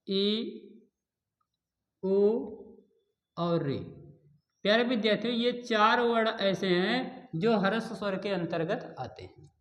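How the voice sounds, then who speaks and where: A man teaching a grammar lesson to exam students, repeating key terms slowly and asking and answering his own questions. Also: sits high. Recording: echoey room.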